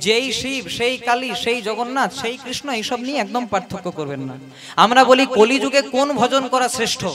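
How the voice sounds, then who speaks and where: A high-pitched man preaches in a devotional kirtan sermon, calling his listeners mothers and fathers and putting rhetorical questions to them. Loud instrumental accompaniment plays under his voice throughout the live recording. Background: devotional instruments playing.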